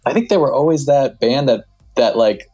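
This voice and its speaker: A man's voice: medium pitch, expressive, normal speed, mellow, soft background music. A man on a podcast as a guest, talking in a loose, rambling way full of fillers. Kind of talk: casual podcast chat.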